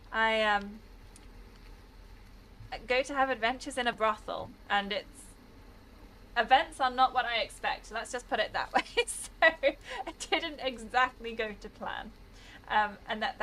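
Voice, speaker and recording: A woman's voice: mid-range voice, sharp tone, a little hiss or hum, poor audio. A British woman chatting casually while streaming a game, rambling and laughing often. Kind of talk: casual gameplay commentary.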